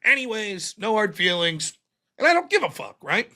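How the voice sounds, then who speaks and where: A man's voice: high-pitched, very animated, normal speed, sharp tone. A man streaming a heated, profanity-laced rant about a panel debate, talking indignantly and defensively. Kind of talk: heated ranting monologue.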